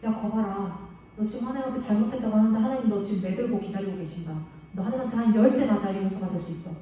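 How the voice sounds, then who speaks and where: A woman's voice: mid-range voice, warm tone, a little hiss or hum, voice pushed down, close to an everyday voice. A woman voicing a scornful devil who fires off mocking taunts, in an echoey hall with the mic far away. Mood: sneering. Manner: mocking, rapid-fire taunts.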